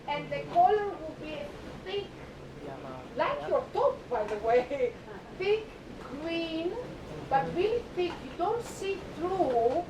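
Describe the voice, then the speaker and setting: A woman's voice: expressive, slow, crowd noise. A woman with a Greek accent gives a live cooking demonstration to an audience, playful and emphatic, repeating words and asking questions. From Greece. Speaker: cooking demonstrator on a cruise ship. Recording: echoey room, distant mic, noisy rumble.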